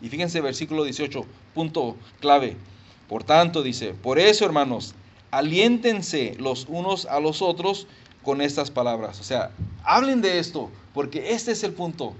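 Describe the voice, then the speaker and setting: Male pastor, fairly high voice, animated sermon delivery with acted-out voices. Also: measured pace. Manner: animated, emphatic, acts out voices and sounds. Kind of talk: sermon and prayer.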